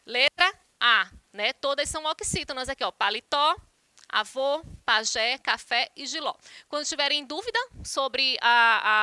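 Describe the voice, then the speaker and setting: A woman's voice: sits high, pushed and bright, no echo. A woman with a Brazilian Portuguese accent teaching an online grammar lesson, talking straight to her class and reading out the answer choices one by one. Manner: addresses the class directly, reads options aloud.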